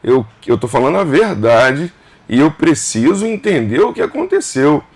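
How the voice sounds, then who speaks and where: A man's voice: on the high side, sing-song, normal speed, a little mellow. A man in his fifties, a governor being interviewed on a casual podcast, who speaks emphatically in short clauses and repeats phrases. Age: 50s.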